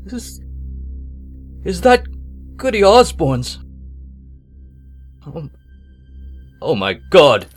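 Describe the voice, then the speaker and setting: Frightened old-time marshal in a radio play: husky, swinging pitch, drawn out. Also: male voice, wildly swooping pitch, drawn-out words, long pauses, faint music behind, exaggerated voice. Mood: terrified. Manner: frightened, shaken outbursts. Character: terrified colonial lawman. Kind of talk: radio drama acting.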